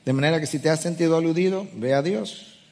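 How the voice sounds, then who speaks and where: Emphatic middle-aged preacher in a reverberant hall. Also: male voice, fairly high pitch, fast, darkish tone. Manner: emphatic preaching, reads and restates scripture verses. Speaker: pastor. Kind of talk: sermon.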